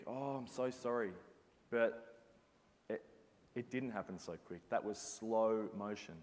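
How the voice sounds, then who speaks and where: A man giving an earnest, reflective motivational talk as a former basketball captain. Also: mid-range voice. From Australia. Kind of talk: motivational presentation. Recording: reverberant hall sound.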